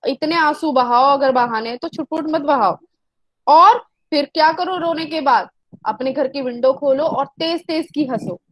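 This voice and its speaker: A woman's voice: high-pitched, dry recording, rough recording. A woman teacher explains a poem, repeating herself and asking and answering her own questions. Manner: mixes Hindi with English lines.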